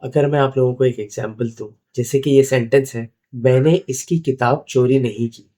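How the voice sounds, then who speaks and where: A man's voice: mid-range voice, normal speed, dark tone. A man hosting a lesson on lyric writing, counting beats aloud and explaining word stress with examples, mixing English into his talk. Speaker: lyric-writing teacher and host.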